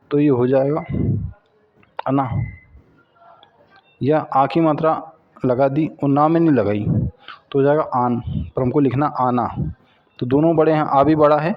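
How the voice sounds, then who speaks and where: A man teaching children Hindi vowel signs in a patient way, repeating each word and syllable slowly. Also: on the high side, muffled recording. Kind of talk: slow children's Hindi spelling lesson.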